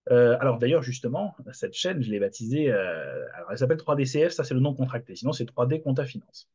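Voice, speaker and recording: Middle-aged guy teacher launching his channel, lots of uhs, kinda husky, dull video call sound. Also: medium pitch, big pitch swings, fast talker, a little mellow. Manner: hesitant, many fillers and restarts. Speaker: university lecturer launching a channel. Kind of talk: casual spoken channel introduction. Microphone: video call recording.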